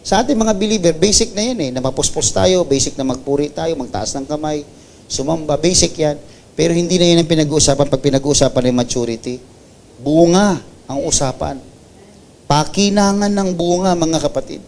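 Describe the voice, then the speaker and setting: Filipino pastor preaching in church, mixes in english, slightly high voice, big swings loud to soft. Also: male voice, fairly quick, a little hiss or hum. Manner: builds to loud high emphasis, then drops soft and low. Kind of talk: sermon. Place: church service.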